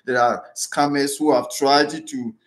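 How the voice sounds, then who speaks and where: Fervent Ghanaian priest leading prayers. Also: male voice, medium pitch, steady tone, measured pace, reverberant. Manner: repetitive, fervent, exhorting.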